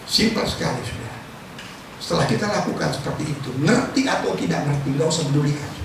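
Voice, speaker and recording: A male preacher giving a lively sermon, acting out prayers and quizzing the congregation. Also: fairly high pitch, quick pace, creaky. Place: church service hall. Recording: echoey hall, distant mic, noisy.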